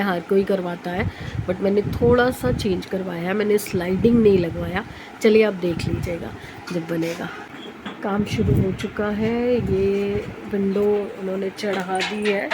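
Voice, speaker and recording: A woman chatting casually to her camera while her home is renovated, speaking quietly with the camera held close. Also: mid-range voice, noisy background. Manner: chatty, talks softly near the camera. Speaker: home vlogger. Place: home under renovation, indoors. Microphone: handheld camera held close.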